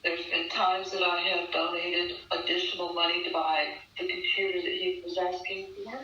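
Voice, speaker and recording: Echoey, bright-voiced woman telling her story. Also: lowish voice, flat delivery, normal speed, soft background music. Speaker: guest recounting a personal experience. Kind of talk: earnest personal testimony in conversation. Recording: echoey, distant, dull online call with faint noise.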